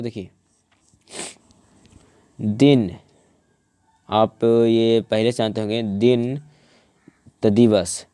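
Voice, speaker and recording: A young man teaching grammar from his notes, often repeating words and restarting, and slowing down to spell out word parts. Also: mid-range voice, warm tone, dry recording, studio quality. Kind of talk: explaining from notes to camera.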